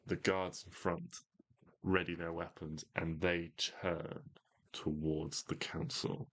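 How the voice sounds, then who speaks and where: A man narrating a tabletop fantasy game as game master, in a measured, theatrical storytelling manner. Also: low voice, little pitch movement, fairly bright tone, husky.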